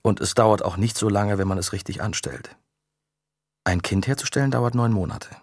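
A man reading a calm, patient young scientist. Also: lowish voice, normal speed. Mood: explaining. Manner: calm, explanatory.

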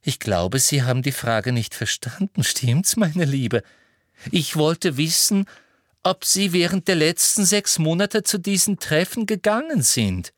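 A man's voice: lively intonation, unhurried, no echo, clean studio sound. A man voicing a simpering, cruel female official with a toad-like smile in an audiobook reading. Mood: sugary. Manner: sugary and shrill, turning furious.

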